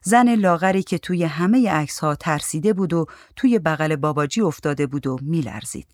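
A narrator reading a short story aloud in a calm, even literary manner. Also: medium pitch, no room sound, studio quality.

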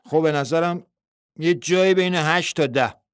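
A man voicing a blunt, defensive husband who speaks plainly and gets exasperated, pitching his voice a little higher. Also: clear, resonant tone, no echo, studio quality, natural voice. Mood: hesitant.

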